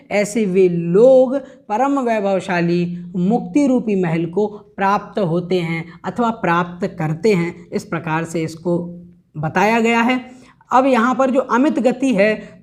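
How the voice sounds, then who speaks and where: A man teaching an online religious lesson, explaining each word patiently and chanting Sanskrit verses slowly and carefully. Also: sits high, darkish tone. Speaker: teacher of a scripture study course.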